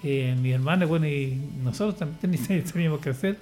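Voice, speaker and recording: Here the older Chilean choir leader sounds brisk, his voice on the high side and a little mellow. He's a guest in casual radio chat, and his speech is hesitant and rambling, full of restarts and filler words.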